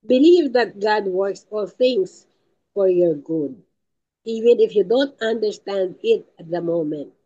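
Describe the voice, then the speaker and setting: A woman's voice: mid-range voice, expressive, slow, mellow, muffled recording. A woman giving a teaching talk at a prayer group, emphatic and repeating her key points, with tearful moments. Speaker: lay speaker at a prayer group.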